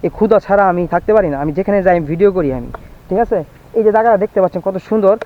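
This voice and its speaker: A man with a high voice talks quickly as he leads a walking-tour vlog outdoors, chatty and forever pointing things out to viewers. His voice is going hoarse in the cold wind. The audio is dull and lo-fi, with faint outdoor noise behind him. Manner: chatty, keeps asking viewers to look. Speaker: vlogger. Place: outdoors on a windy farm estate.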